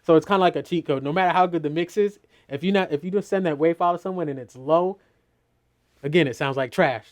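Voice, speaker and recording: A man's voice: on the high side, fast talker. A middle-aged mix engineer talks through his mixing process in a studio, casual and loose, full of "you know" and restarts. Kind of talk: teaching a mixing walkthrough.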